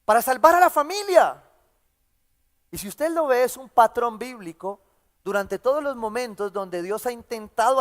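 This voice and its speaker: High-voiced Colombian pastor preaching. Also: male voice. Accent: Colombian Spanish. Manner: asks "¿sí?" after nearly every phrase; emphatic, slows and stresses key words. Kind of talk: sermon. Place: church hall. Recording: church hall reverb.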